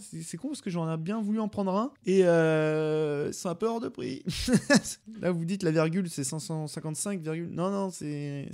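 A man's voice: fairly high pitch, darkish tone. A young man casually talking through an on-screen walkthrough, chatty and self-mocking, with frequent hesitations. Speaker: YouTube channel host.

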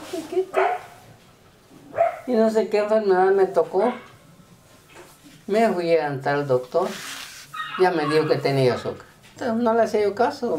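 An older man from Chiapas with a Chiapas Mexican Spanish accent, telling his story slowly and haltingly in a documentary interview. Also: on the high side, a little mellow, a little hiss or hum. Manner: slow, halting storytelling with many restarts. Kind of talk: documentary testimony.

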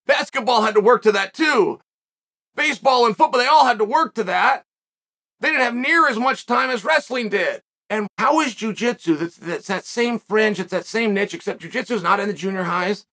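Forceful ranting male commentator. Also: high voice. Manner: emphatic, ranting, repeats phrases for effect. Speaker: podcast host. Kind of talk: opinion commentary.

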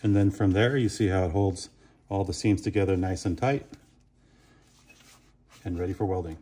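Low-voiced man demonstrating a workshop tool. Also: moderate pace, warm tone. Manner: plain, step-by-step instructional. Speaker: product demonstrator. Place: small workshop booth with concrete walls.

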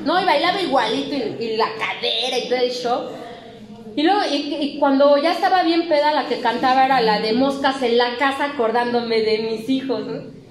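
Profane, high-voiced Mexican woman. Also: echoey room, poor audio. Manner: blunt and profane, emotional storytelling. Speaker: psychologist speaking at a recovery clinic. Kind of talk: candid testimony talk to a recovery group. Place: meeting room at a rehab clinic.

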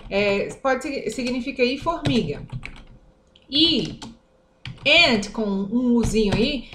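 A Brazilian woman teaching English vocabulary in an upbeat, chatty way, slowing down to repeat each English word. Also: high-pitched, sharp tone, echoey room. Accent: Brazilian Portuguese. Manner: upbeat, chatty, slows down to drill English words. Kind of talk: online vocabulary lesson.

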